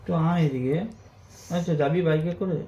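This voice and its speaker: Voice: medium pitch, a little fast, dark tone, roomy sound, highs cut off, slight background noise. A father at home teasing and playing with his small child. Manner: teasing, playful. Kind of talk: playful teasing.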